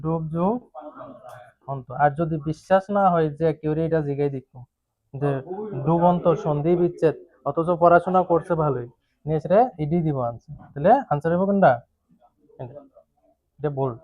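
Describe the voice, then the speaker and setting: High-voiced male teacher, questioning. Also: moderate pace, long pauses. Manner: questioning, repetitive, coaxing students. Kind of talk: classroom grammar lesson. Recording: dull dry classroom recording.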